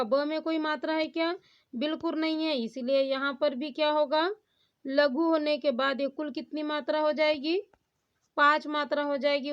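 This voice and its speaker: A woman teaching a Hindi grammar lesson on poetic meter. She keeps asking rhetorical questions and then answers them herself. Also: high voice. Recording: dull lo-fi sound.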